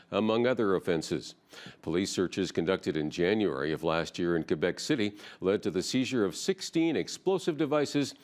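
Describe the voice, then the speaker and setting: A man reading the news as a newscast anchor. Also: lowish voice.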